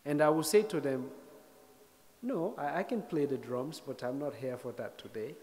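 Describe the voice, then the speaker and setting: A man in his thirties from Sierra Leone speaks to an audience in a lecture hall, his voice sitting a little high for a man. He tells a personal story with wry, self-deprecating humor, pausing to reflect as he goes. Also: darkish tone. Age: 30s. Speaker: guest speaker.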